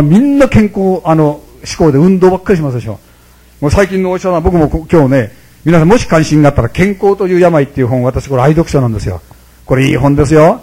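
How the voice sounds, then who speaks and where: A Buddhist priest in his sixties gives a chatty, humorous sermon, speaking quietly and often turning to the congregation directly. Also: on the high side, husky. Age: 60s.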